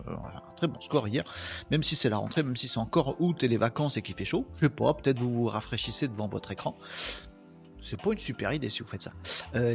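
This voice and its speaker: A man with a northern French accent hosts a live podcast, rambling and joking as he chats with his viewers. His voice is gravelly with a lot of fry, at a middling pitch. Soft music plays in the background. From northern France. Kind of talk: casual live-stream chat.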